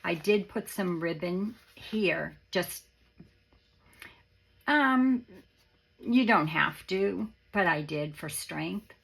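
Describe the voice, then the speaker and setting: A woman giving a casual, halting show-and-tell as a craft presenter, with a raspy, worn voice that is starting to go. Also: lowish voice, expressive, fairly bright tone, poor audio. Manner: halting, rambling, informal. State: voice starting to go after illness.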